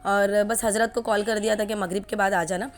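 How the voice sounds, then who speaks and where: A woman in her forties chats casually through a family vlog in her home kitchen, rambling along with plenty of fillers. Her voice sits in the mid range, holds a steady tone, and moves fairly quickly.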